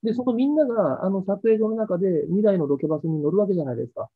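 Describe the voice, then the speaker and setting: A man being interviewed about his acting career, telling stories in a lively way and acting out what others said. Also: sits high, rapid-fire, breathy edge, no echo. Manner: lively storyteller acting out quoted lines. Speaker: actor interviewed about a past role. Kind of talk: animated interview chat. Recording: dry, tinny phone-like sound.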